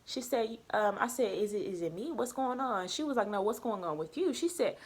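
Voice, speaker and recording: Animated young woman telling a story. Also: fairly high pitch, fairly quick, husky. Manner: animated, acts out quoted voices, slangy. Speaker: vlogger. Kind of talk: casual storytelling chat.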